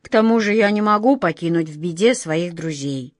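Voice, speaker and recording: A woman voicing a gloomy, weary male house cat who talks slowly in a storybook reading. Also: lowish voice, animated, no echo, studio quality, lightly acted. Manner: slow, sighing, melancholy.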